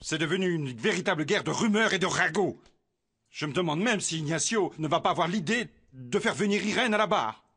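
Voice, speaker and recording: A man's voice: fairly high pitch, expressive, brisk, fairly bright tone, breathy edge, full character voice. An actor dubbing a worried man angry at the accused, agitated and commanding. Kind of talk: dubbed telenovela acting.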